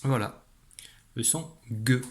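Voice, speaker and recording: A man teaching a young pupil a spelling rule in an online lesson, patient and clear, slowing down as he demonstrates. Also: medium pitch. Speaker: primary school teacher.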